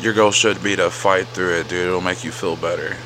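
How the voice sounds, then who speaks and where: A man's voice: deep voice, steady tone, fairly quick, a bit bright, a little hiss or hum. A man co-hosting a casual podcast, laid-back and encouraging, often saying dude. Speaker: podcast co-host. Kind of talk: casual chat.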